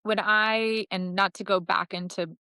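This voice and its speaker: A woman's voice: medium pitch, steady tone, a little slow, pushed and bright, smooth, dry recording. A middle-aged woman from Connecticut, a marketing executive, answering interview questions in a thoughtful, self-correcting way. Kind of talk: casual interview talk.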